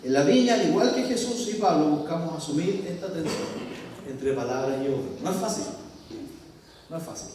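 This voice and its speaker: A man preaches a sermon with a high-pitched voice, reading scripture aloud and asking the congregation questions. He is recorded from far off in a church hall with strong echo and a long reverb tail. There is a faint hiss underneath. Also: lively intonation, moderate pace, a little mellow. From Chile. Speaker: pastor.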